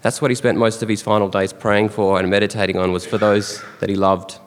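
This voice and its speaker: An Australian man giving a fond, earnest funeral eulogy for his father, with soft chuckles between memories. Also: lowish voice, level tone, brisk, a little hiss or hum. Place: church or funeral hall. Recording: long hall reverb.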